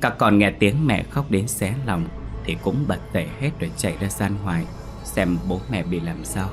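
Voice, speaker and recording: A man narrating a scripted ghost story in a steady, solemn reading. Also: sits low, moderate pace, soft background music.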